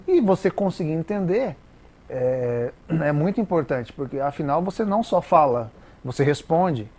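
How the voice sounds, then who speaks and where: A Brazilian man with a Brazilian Portuguese accent, a guest explaining English pronunciation in a didactic, halting way with many repeated words. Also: fairly high pitch, lively intonation, a little mellow. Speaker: interview guest, English teacher. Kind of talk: explanatory interview talk.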